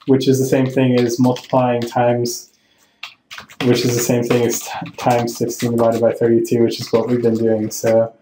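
This programming tutorial host has a warm, mid-range voice. Over a screen recording with keyboard and click sounds, he talks through each step, thinking aloud and self-correcting, and the audio is rough and reverberant with a faint hiss or hum.

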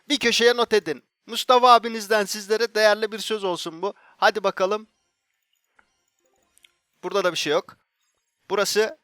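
A young man, commenting excitedly as he opens loot boxes in a mobile game, repeating himself and bursting into shouts when something good appears. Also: high voice, dry recording, studio quality. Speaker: gaming YouTuber.

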